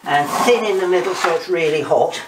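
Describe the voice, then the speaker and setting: A man's voice: on the high side, a little fast. An older man, a volunteer boat engineer, explaining in a practical, chatty way as he works. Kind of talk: explaining while working. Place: engine room of a steam tug, indoors. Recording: noisy engine room recording.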